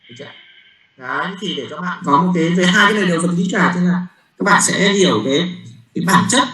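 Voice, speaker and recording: A man's voice: high-pitched, fast, bright, forceful tone. A man lecturing a physics class in a classroom, speaking. He explains step by step, repeats words while he thinks and often checks with the students. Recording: roomy classroom echo.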